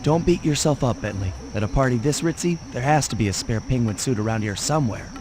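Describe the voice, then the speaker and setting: A man's voice: mid-range voice, animated, fast talker, background noise, natural voice. Man playing Sly Cooper, suave raccoon thief. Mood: easygoing, confident.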